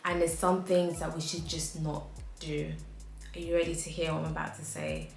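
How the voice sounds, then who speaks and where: A woman's voice: deep voice, level tone, normal speed, gravelly, roomy sound. A woman with an African accent giving frank, chatty home decor advice in a casual vlog, laughing often.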